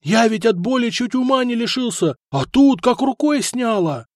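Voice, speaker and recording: A male narrator plays common men from a port crowd, raving and shouting with joy. The voices are pitched very high and loud, recorded close and dry. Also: expressive, normal speed, no echo. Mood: ecstatic.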